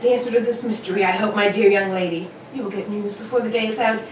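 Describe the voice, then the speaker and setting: A woman playing a male detective, Sherlock Holmes, probing, brisk and courteous in a theatrical radio drama. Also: medium pitch, fairly even intonation, close to an everyday voice. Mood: brisk, confident. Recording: roomy, distant mic with faint noise.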